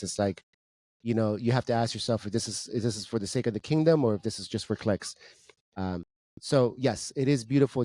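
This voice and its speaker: A man's voice: mid-range voice, dark tone, no room sound. Reflective man from Peru, raised in Jersey. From Peru, raised in New Jersey. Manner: reflective, measured, thinks aloud. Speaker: podcast guest. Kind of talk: casual faith chat.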